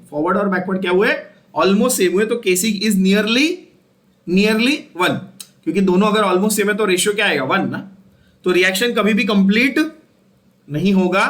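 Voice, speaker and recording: A man's voice: high voice, fairly bright tone. A man giving a chemistry lecture, asking the class questions and repeating key terms as he switches between Hindi and English. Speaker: chemistry teacher.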